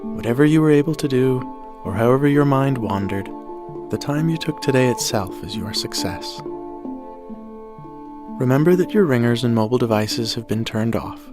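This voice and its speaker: Calm man guiding meditation over music. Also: medium pitch. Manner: calm, gentle, measured instruction with soft phrase endings. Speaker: guided meditation narrator. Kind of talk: scripted guided breathing meditation narration.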